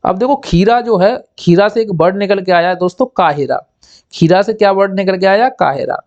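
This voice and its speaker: High-voiced man drilling exam memory tricks. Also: normal speed, a little mellow, muffled recording. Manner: repetitive, asks and answers own questions; acts out little scenes in quoted voices. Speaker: exam coaching teacher.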